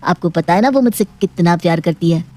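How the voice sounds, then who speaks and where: A woman voicing a cocky, greedy, jobless young man in an animated storybook, cheeky and mocking. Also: fairly low pitch, a little fast, close to an everyday voice. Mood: smug.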